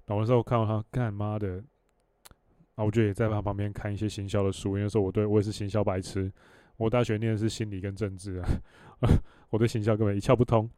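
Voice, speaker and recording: A man's voice: lowish voice, little pitch movement, quick pace, dark tone, no room sound. A man in his thirties with a Taiwanese Mandarin accent, hosting a solo podcast and telling rambling stories in a blunt, cursing way. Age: 30s. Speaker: podcast host. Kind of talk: casual solo podcast storytelling.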